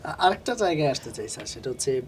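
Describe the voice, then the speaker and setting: A man's voice: mid-range voice, big pitch swings, fast talker, a little hiss or hum. A man hosting an interview, asking long questions hesitantly with fillers. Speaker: interview host.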